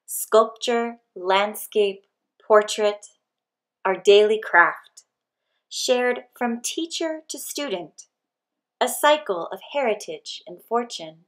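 A woman with a mid-range voice reads a picture book aloud very slowly and deliberately. She gives each short line careful, expressive phrasing and pauses between them.

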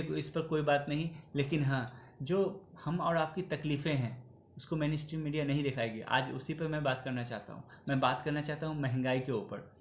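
A man's voice: on the high side, echoey room, slight background noise. A man in his thirties giving an earnest opinion commentary to camera in a small room, pleading and slipping into English phrases. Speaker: vlogger.

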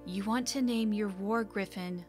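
A woman voicing a sensible young elf woman warden, speaking softly and dryly. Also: medium pitch, measured pace, soft background music, close to an everyday voice.

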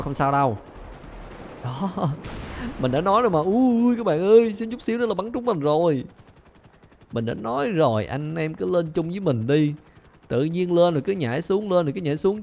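A man hosting a gaming channel, chattering excitedly to viewers as he plays and repeating his phrases, with faint game gunfire behind him. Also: a little high, slight background noise. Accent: Vietnamese. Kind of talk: excited gameplay commentary.

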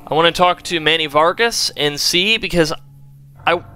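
A man giving casual gameplay commentary in a bright, forceful voice. He chats along and reads the dialogue choices aloud as he plays. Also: fairly high pitch, normal speed, soft background music. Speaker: gaming channel host.

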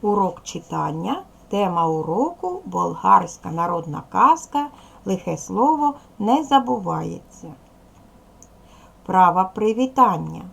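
A woman's voice: mid-range voice, sing-song, creaky, breathy edge. A woman teaching a recorded reading lesson to young schoolchildren, patient and encouraging. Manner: patient, encouraging, speaks slowly to children. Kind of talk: recorded video lesson for second graders.

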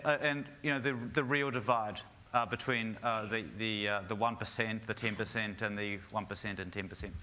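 A man's voice: medium pitch, pushed and bright. A man moderating a conference panel, posing questions and guiding the discussion.

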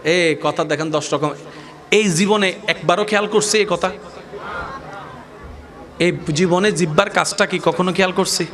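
A man preaching a sermon, often shouting and calling on the crowd to answer back. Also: high voice, measured pace, pauses often.

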